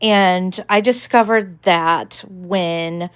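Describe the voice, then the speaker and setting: A woman's voice: fairly low pitch, steady tone, drawn-out words, clean tone. A woman vlogger giving a casual tech demonstration, rambling with lots of fillers.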